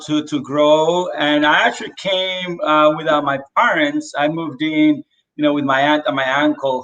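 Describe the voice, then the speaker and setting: A Dominican real estate agent, appearing as an interview guest over a video call, tells his story animatedly with plenty of fillers. His voice is a little high and fairly bright, and the audio sounds dull.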